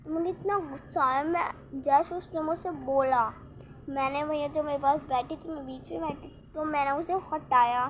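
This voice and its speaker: Young woman, vlogger, very high voice, rambling, excitable, noisy background. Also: moderate pace, lo-fi sound. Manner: rambling, restarts often, excitable retelling. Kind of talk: casual storytelling vlog.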